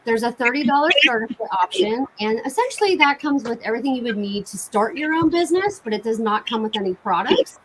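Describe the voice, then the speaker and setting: An enthusiastic, informal woman giving a casual live-stream sales pitch as a cosmetics consultant hosting an online game night. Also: lively intonation, quick pace, few pauses, a bit bright, slight background noise, low-quality recording.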